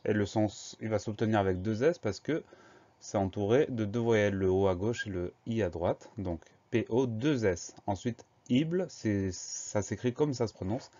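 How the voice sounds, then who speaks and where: A man with a French accent teaches spelling, spelling words out letter by letter in a slow, patient voice. His voice is low and mellow. The recording sounds dull and lo-fi. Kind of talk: spelling lesson, dictation.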